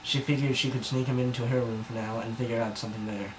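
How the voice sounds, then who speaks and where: A man's voice: mid-range voice, little pitch movement, quick pace. Rambling man reading fan fiction aloud. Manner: rambling and self-conscious, stumbles over words. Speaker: amateur reader. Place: bedroom at home. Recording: echoey room with background noise.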